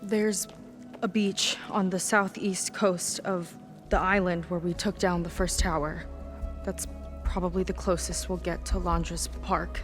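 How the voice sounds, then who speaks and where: A woman's voice: fairly low pitch, little pitch movement, unhurried, natural voice. A woman as Seika, blunt guarded young warrior. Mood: sober, doubtful. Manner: blunt, terse, emotionally weighted. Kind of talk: naturalistic cinematic video game acting. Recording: music under the voice.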